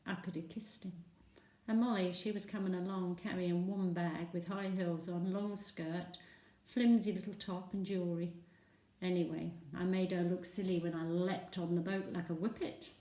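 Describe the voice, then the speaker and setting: A woman recounts a comic day out in a chatty, gossipy way, slipping into whispers and little sung bits. Her voice is mellow and soft-edged. She sounds a little way off from the microphone, in a roomy space with echo. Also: on the low side, level tone, moderate pace, recorded from a distance. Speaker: storyteller. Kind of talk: first-person comic monologue.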